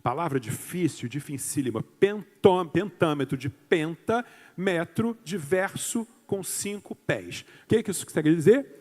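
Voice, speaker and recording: A man's voice: a little high, animated, a little slow, a little mellow. Theatrical man lecturing in a hall. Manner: theatrical, emphatic, explains terms step by step. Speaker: speaker giving a talk. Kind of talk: lecture-style talk to an audience.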